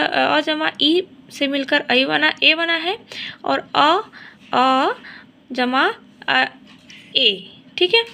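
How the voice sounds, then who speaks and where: High gravelly-voiced woman teacher. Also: sharp tone. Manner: explains step by step, often repeats "theek hai" to check in. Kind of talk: exam-prep grammar lesson.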